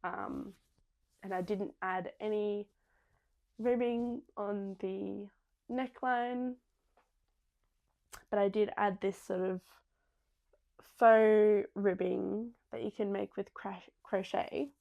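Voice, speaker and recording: A young woman talks her way through a relaxed podcast chat. Her voice has a gravelly, fry-laden edge, and she wanders along with frequent ums and self-corrections. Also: medium pitch, slow, long pauses, muffled recording. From Australia. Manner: chatty, rambling, many ums. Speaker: podcast host. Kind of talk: casual chat.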